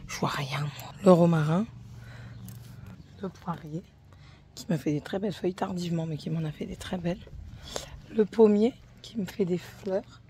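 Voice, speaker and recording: Chatty woman with a warm voice. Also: lowish voice, normal speed, long pauses, slight background noise. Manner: chatty, swears casually, gets heated retelling a dispute. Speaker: vlogger. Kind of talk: casual chat to camera. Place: outdoor garden.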